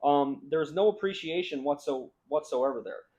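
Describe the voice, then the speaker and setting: A man leads a Bible lesson in a loose, conversational way, explaining the story as he goes. His voice sits somewhat high for a man, and he lifts it with emphasis when reading scripture aloud. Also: normal speed, darkish tone, muffled recording. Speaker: Bible teacher.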